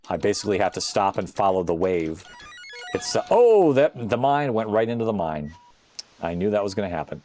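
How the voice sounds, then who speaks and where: A man's voice: lowish voice, darkish tone, slight background noise. An older man casually commenting while playing a retro computer game on a live stream, chatting with viewers and exclaiming at close calls.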